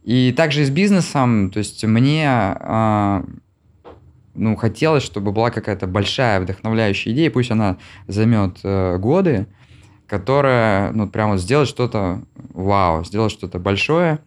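A man in his forties from Russia, an interview guest who answers reflectively with many pauses and filler sounds. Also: lowish voice, lively intonation. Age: 40s. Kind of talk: casual conversation.

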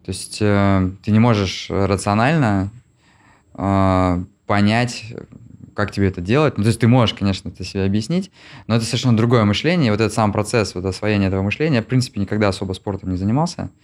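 A man in his forties from Russia, an interview guest who answers reflectively with many pauses and filler sounds. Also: fairly low pitch, darkish tone. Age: 40s. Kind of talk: casual conversation.

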